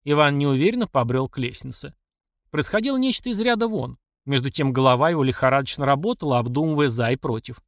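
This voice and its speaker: Expressive male audiobook narrator. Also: mid-range voice, quick pace, no echo, clean studio sound. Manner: expressive, lively storytelling. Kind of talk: scripted narration.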